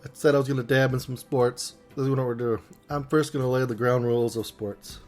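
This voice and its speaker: A man hosting a casual solo podcast, talking through his food in a playful, rambling way. His voice sits at an ordinary middle pitch, with a little music playing softly behind him. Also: fairly even intonation, brisk. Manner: playful, chatty, talking while eating. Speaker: podcast host.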